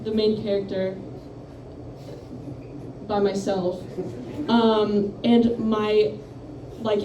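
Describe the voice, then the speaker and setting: Heard through a faraway, echoey room mic amid noise, a young woman does stand-up at a campus coffeehouse, talking into a handheld mic. Her mid-range voice is warm, and her set rambles and pokes fun at herself.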